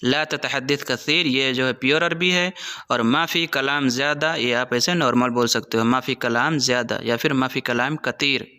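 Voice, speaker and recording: A man teaching spoken phrases to his channel's viewers, with a bright, forceful voice. He says each phrase slowly, repeats it several times, then drops into quicker, chatty remarks. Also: medium pitch, clear, resonant tone. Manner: quick, chatty asides between drills. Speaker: Arabic teacher and channel host. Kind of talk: spoken-language lesson in Hindi.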